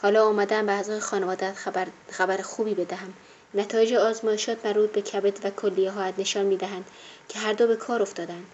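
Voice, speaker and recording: A calm, patient hospital doctor speaks reassuringly in a mid-pitched voice, as a woman narrator reads the part. It is an audiobook, and the audio is dull and lo-fi with a faint hiss. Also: lightly acted.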